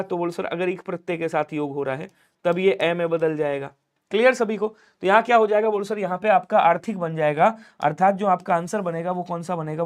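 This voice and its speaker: High-voiced teacher urging quick answers. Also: male voice. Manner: urges viewers to comment quickly, asks and answers his own questions. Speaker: Hindi teacher for police exam prep. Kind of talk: live online exam-prep lesson.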